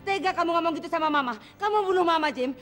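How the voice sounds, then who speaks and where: High-pitched upset mom, scolding then praying in despair, tv drama. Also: female voice, racing, music in the background. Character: distraught middle-aged mother of a wayward son. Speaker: mother. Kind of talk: TV drama acting.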